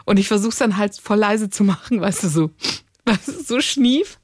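A woman in her thirties chatting casually and telling stories about her children, acting out their quotes with animated emotion. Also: mid-range voice, moderate pace, breathy edge, dry recording, clean studio sound. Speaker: podcast co-host, mother. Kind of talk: casual chat, storytelling.

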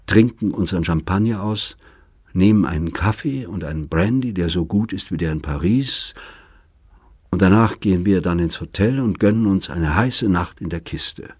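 A man reading a hurt, measured lover. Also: deep voice, darkish tone, breathy edge, dry recording, clean studio sound. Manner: measured, precise. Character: earnest adult man, hurt and deliberate lover. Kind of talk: audiobook character reading.

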